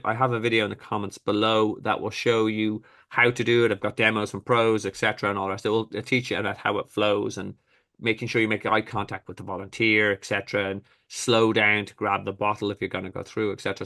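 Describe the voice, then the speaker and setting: Man, host, coach, upbeat, chatty, somewhat low pitch. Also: flat delivery, quick pace, bright, forceful tone. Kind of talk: conversational talk.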